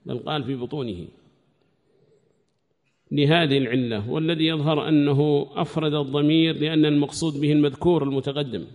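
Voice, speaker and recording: A man teaching a scripture commentary lesson in a quick, gravelly voice that sits a little high. He explains patiently and circles back to repeat key phrases as he reasons aloud. His voice carries a long echo, as if recorded in a large hall. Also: steady tone, narrow, tinny audio. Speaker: religious teacher.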